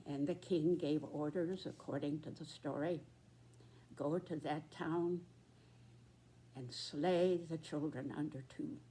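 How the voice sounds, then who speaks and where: A very old woman in her nineties speaks very slowly, with a soft, mellow tone on the lower side. She gives a solemn, reflective address in halting phrases, over a faint hum. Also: fairly even intonation. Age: 90s. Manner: very old person's slow, halting delivery in short phrases.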